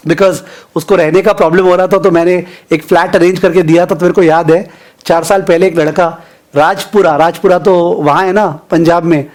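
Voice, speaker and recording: Chatty high-voiced Indian finance teacher. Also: male voice, a little mellow. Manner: chatty, mixes Hindi and English, frequent checks like "okay?". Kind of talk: online class lecture, casual asides.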